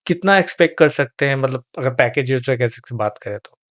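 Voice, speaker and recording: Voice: mid-range voice, animated, fairly quick. An interviewer asking a guest short, plain questions about careers in Hindi. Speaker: interview host.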